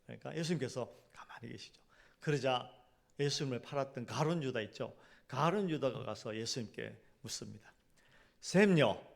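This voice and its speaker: A middle-aged male pastor preaching in a church, telling humorous stories and then building to loud, emphatic points. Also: mid-range voice, a little fast, creaky. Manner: swings from hushed storytelling to loud emphatic preaching. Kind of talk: sermon with storytelling. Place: church sanctuary.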